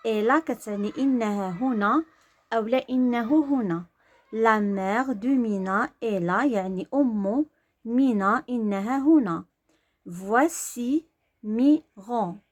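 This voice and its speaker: A woman with a Moroccan Arabic accent teaching beginner French reading. She explains in Darija and sounds out syllables slowly and deliberately. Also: on the high side.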